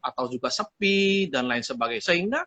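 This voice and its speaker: Animated man with a forceful voice. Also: a little high, a little fast, dry recording. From Indonesia. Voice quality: loud, forceful voice. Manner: animated, acts out quoted speech. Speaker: communication expert guest. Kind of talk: live-stream talk.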